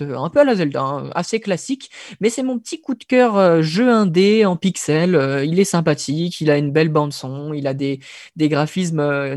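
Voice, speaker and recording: A man's voice: on the high side, darkish tone, no echo, clean studio sound. A man presenting video game news on a radio show in a casual, hesitant way, with lots of fillers and wry asides.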